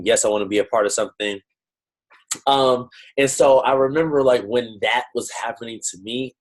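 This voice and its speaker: A man leading a team video call, telling a slangy, animated motivational story in casual talk over a computer mic. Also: fairly low pitch, poor audio. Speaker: network-marketing team leader.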